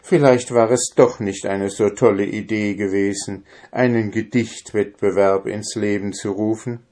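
A man narrating a children's story in a gentle, storytelling manner. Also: on the low side, steady tone, unhurried.

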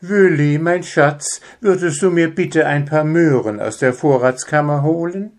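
A man's voice: a little high, unhurried, pitched above the performer's own voice. A man voicing a kindly, affectionate female mole mother in a children's storybook. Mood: sweet.

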